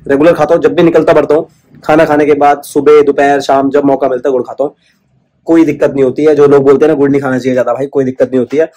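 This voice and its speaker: A man's voice: medium pitch, little pitch movement, very fast, warm tone. A man chatting casually to the camera in a home vlog, sharing tips and calling his viewers brother. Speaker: vlogger. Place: at home, indoors.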